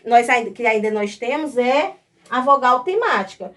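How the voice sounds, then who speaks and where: A woman's voice: a little high, expressive, normal speed, fairly bright tone, far from the mic. A woman teacher from Brazil explaining a grammar lesson step by step, often checking in with her class.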